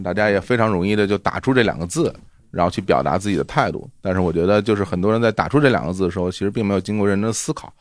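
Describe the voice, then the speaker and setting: A man, a podcast host answering questions in a casual group chat, laughing often and repeating himself when excited. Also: low-pitched, no room sound. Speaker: podcast host being interviewed.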